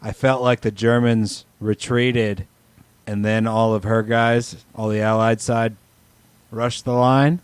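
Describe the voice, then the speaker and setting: A man's voice: lowish voice, flat delivery, slow, clean tone, dry recording. A man co-hosting a movie podcast in casual chat, laid-back and laughing often. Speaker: podcast co-host. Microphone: studio microphone.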